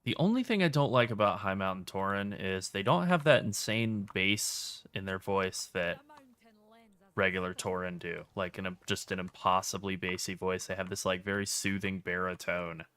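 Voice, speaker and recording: A man streaming a video game, chatting casually with dry, relaxed jokes. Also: low voice, normal speed, clean tone. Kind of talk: casual gameplay commentary.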